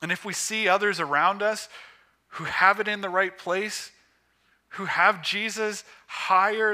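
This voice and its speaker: Guy preaching a sermon, slow deliberate delivery, really bright tense tone. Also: sits high. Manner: emphatic, measured phrasing with pauses.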